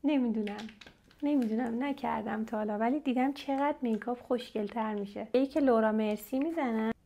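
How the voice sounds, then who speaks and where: In this casual unboxing clip, a young Iranian beauty vlogger sits at home facing the camera, testing makeup and talking animatedly right to her viewers. Her pitch is fairly high, the highs are cut off, and there's a slight hiss or hum.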